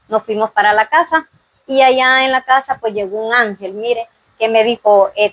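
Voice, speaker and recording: A woman's voice: fairly high pitch, dry recording, rough recording. A woman giving an earnest faith testimony in an interview, full of fillers and "¿verdad?".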